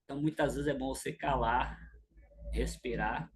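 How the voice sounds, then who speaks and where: A middle-aged man with a Brazilian Portuguese accent, lecturing an audience in a lively, informal way and acting out little scenes. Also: mid-range voice, normal speed. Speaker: speaker at a relationship talk.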